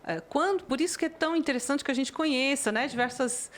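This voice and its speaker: A woman who grew up in Brazil after a childhood in Taiwan, with Chinese as her first language, talking through her life in a relaxed interview and tagging her sentences with "né?". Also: sits high. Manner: thoughtful, frequent "né?" tag questions and filler pauses. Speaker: interviewee, university music professor.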